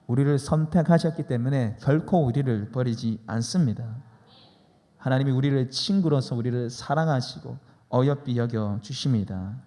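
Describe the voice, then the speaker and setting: A man's voice: medium pitch, moderate pace, warm tone. A man preaching a sermon as pastor, emphatic and leading the congregation in repeating lines. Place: church sanctuary. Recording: long church reverb.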